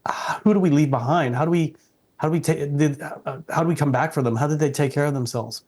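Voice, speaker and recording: A middle-aged Vietnamese-born man from South Vietnam speaks English as an interview guest, fast and in a slightly high, somewhat mellow voice. He comes across as earnest and respectful and often restarts his sentences.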